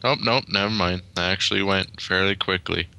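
A young man calmly commenting on a strategy game over a voice call. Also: deep voice, brisk, gravelly, clear, resonant tone. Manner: laid-back, flat commentary on loot and stats. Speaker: gamer host. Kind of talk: casual gaming chat over voice call.

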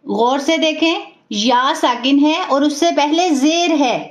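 High-voiced woman teaching recitation rules. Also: takes it slowly, reverberant. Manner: patient, repeats each rule step by step; praises students warmly. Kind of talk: tajweed lesson.

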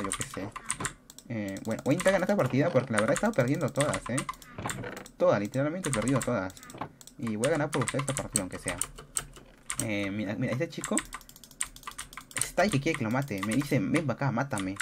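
A man commentates a computer game as he plays, chatty and excitable, firing off repeated words in bursts. His voice sits at an ordinary middle pitch. The recording is noisy, with keyboard clicking heard behind him. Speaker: gaming YouTuber.

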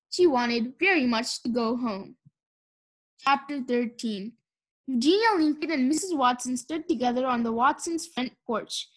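A woman reading a children's storybook aloud, in an expressive, sing-song way. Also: a little high. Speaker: audiobook reader.

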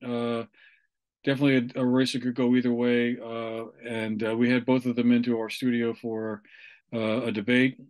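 A man in his sixties giving an unscripted election report over a video call, in halting, measured phrases. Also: mid-range voice, level tone, darkish tone. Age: 60s. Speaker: local election correspondent. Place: small room at home, indoors. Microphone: video call on computer microphone.

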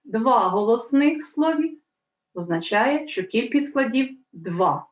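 A woman teaching a primary school language lesson, slowly and clearly spelling out sounds and counting letters for the children. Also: a little high, lively intonation. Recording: dull lo-fi sound in an echoey room.

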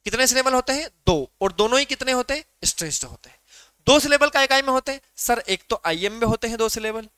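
A man's voice: very high voice, lively intonation, quick pace, sharp tone, clean tone, no echo. A male teacher giving a classroom lecture, repeating points and quizzing himself, drawing out syllables as he spells them.

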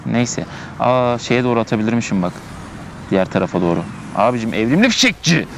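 A man talks through a mobile game as he plays it, casual and chatty, thinking aloud and repeating his points. His voice sits in a middle pitch. He records outdoors in a park, with a faint hum of city noise behind him. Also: big pitch swings, a little fast, creaky. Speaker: gameplay commentator. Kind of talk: casual live gameplay commentary.

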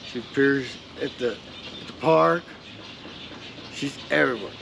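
Gravelly laid-back local guide man. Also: medium pitch, measured pace, a bit bright. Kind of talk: casual chat. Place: outdoors in a town park. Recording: outdoor street noise.

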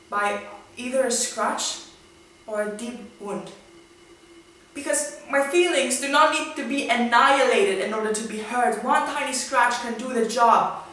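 A woman's voice: a little high, a bit bright. A young woman in her twenties performing a spoken word poem with a dramatic, rhythmic delivery that swells into emphasis, recorded indoors in a small room on a camera mic. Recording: very echoey room, voice far from the mic.

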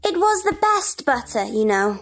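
Woman doing a squeaky rude hare character, contrary, very high voice, stage play. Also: very animated, moderate pace, heavily acted. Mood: gloomy. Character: rude, contrary March Hare at a tea party.

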